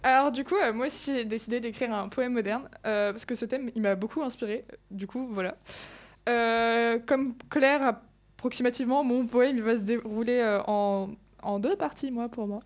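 A woman's voice: a little high, moderate pace. A teenage girl co-hosting a student show, reading and analysing her own poem with many hesitant fillers. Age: teens. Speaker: student co-host.

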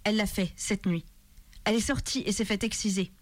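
A woman's voice: mid-range voice, fairly even intonation, a little fast, natural voice. A woman reading aloud who voices a stern, frightened mother with a harsh, scolding edge. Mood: accusing.

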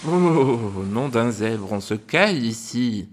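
A man's voice: medium pitch, expressive, slow pace, a little hiss or hum. A man voicing a cocky, slangy little zebra in a children's story. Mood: cheeky. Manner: casual slangy talk.

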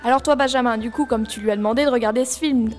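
A woman with a high voice hosts a discussion show. She explains and questions her guests, with light music underneath. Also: fast talker, darkish tone. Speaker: host.

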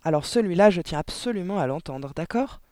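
A man voicing a kind young woman schoolteacher in an audiobook, warm and encouraging, lifting his voice higher for her. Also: lively intonation, a little fast, no echo, studio quality. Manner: warm, encouraging, easily delighted. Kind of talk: audiobook character voice.

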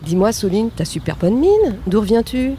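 A woman's voice: medium pitch, very animated, moderate pace, mellow, natural voice. Woman playing an effusive, weary factory worker in noise. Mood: excited, curious. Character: Jeannette, weary female factory worker of 2045, effusive friend. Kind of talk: amateur scripted audio drama.

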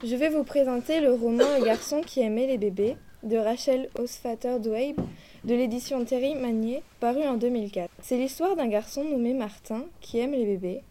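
Mellow-voiced woman reading a novel. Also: on the high side, normal speed, soft background music. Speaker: book columnist. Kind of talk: book presentation with read-aloud excerpt.

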